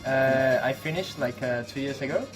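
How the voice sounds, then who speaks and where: A young man from Venezuela answers questions in a taco shop, pausing often with um, uh and like. His voice is mid-pitched and easygoing. Music plays clearly in the background. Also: low-quality recording. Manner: hesitant, many ums and likes.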